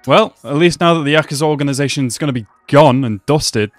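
A young man reacting to an anime episode at home, talking excitedly and exclaiming often. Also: on the high side, brisk, no echo, faint music behind. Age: young adult. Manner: animated, exclaims and laughs often. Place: small room at home.

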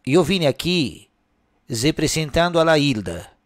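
A man's voice: fairly high pitch, very animated, no echo, clean studio sound, pitched above the performer's own voice. A man playing a cold formal messenger. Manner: slow, formal, deliberate. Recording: music playing behind.

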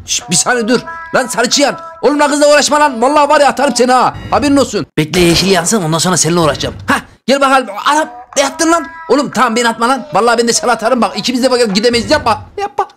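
A man gives excited, joking gameplay commentary while talking to his viewers. His voice sits very high and he talks fast. Faint game music plays underneath. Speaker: gaming channel host.

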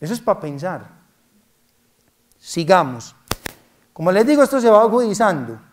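A man's voice: high voice, very animated, normal speed, a little hiss or hum. A man giving a humorous sermon as a priest, playfully mimicking complaining parishioners.

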